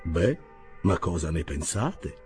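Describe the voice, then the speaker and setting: A man reading an audiobook and voicing an earnest, easily flustered older gentleman who grows agitated and pleading. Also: deep voice, sing-song, slow pace, slightly rough, faint music behind, exaggerated voice.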